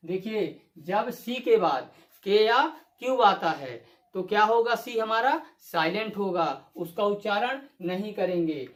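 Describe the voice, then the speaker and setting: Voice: medium pitch, lively intonation, measured pace. An English teacher giving a video lesson, repeating each rule and asking the viewer rhetorical questions before answering them. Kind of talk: classroom-style video lesson. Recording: echoey room.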